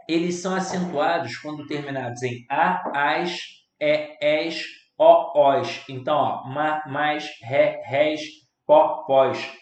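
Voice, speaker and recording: A man with a Brazilian Portuguese accent teaches grammar to students online. He talks with energy and pushes words out loudly to show the strong syllable. The sound has a roomy echo. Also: a little high.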